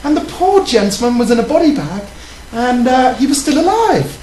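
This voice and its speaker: A man's voice: very high-pitched, big pitch swings, moderate pace, a little mellow, reverberant, slight background noise, rough recording. A man voicing a proper, genteel older English lady who calls everyone darling, in a comic drag skit. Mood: prim. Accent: put-on English. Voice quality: genteel, fussy manner with "darling" and "dear". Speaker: host. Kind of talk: comic drag character chat. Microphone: video call.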